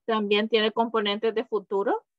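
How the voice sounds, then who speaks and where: A woman coordinator welcomes everyone to an online community talk, her phrasing earnest and a little halting. Her voice sits on the higher side. The video-call audio is dry and muffled. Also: flat delivery, dry recording. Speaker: program coordinator, event host.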